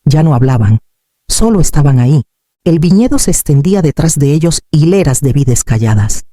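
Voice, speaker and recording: A man reading a first-person drama story in a calm, measured way. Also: fairly high pitch, dry recording, studio quality. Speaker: narrator.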